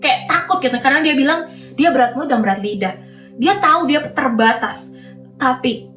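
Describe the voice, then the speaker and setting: A young woman preaches to a youth crowd in a bright, high voice, acting out little quoted lines. She sounds a bit far from the mic in an echoey room. Soft music plays underneath. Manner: lively, mixes in English phrases, acts out quotes. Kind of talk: youth sermon.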